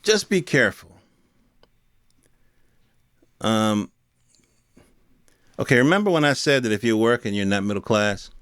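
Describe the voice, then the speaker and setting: With a fairly low pitch, this American podcast host speaks a little slowly and leaves long pauses. His tone is clean and fairly bright as he offers a casual, colloquial opinion monologue, full of rhetorical questions and imitations of imagined speakers. The clean studio recording has no room sound.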